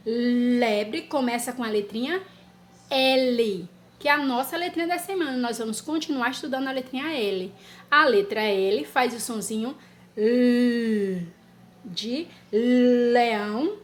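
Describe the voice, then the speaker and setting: A primary school teacher with a high voice gives a slow, clear lesson to young children in a recorded lesson video. She coaxes them along with tag questions and dictates each sentence slowly, saying it twice.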